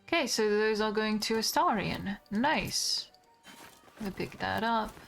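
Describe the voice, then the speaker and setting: A woman's voice: mid-range voice, animated, slow pace, creaky, faint music behind. A woman giving casual commentary as she streams a game, chatty and swearing freely as she explains her character's thoughts.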